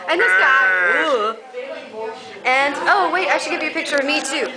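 A bubbly woman with a high, bouncing voice gives a quick backstage tour, chatting away as she walks through a theater. She talks into a handheld camera, and loud crowd chatter fills the space behind her. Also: expressive. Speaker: cast member filming backstage. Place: backstage in a theater before a show.

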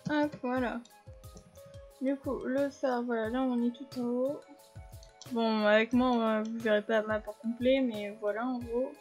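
A woman with a slightly high voice talks through a video game in a relaxed, chatty way. She explains the controls to her viewers and fills the pauses with little fillers. Soft game music plays underneath. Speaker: gaming video host. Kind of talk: casual gameplay commentary. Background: faint game music.

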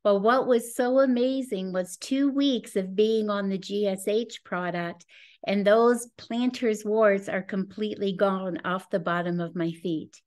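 A woman's voice: medium pitch, measured pace, a little mellow. A woman in her sixties giving an earnest, enthusiastic webinar presentation over a video call from home. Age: 60s. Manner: earnest, enthusiastic, personal testimonial. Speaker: presenter of a business opportunity. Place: home room with a scenic backdrop, indoors. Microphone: video call webcam.

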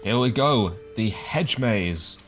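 A man's voice: on the low side, animated, takes it slowly, faint music behind. A man giving playful, improvised gameplay commentary in a jokey, mock-dramatic manner. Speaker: gaming host.

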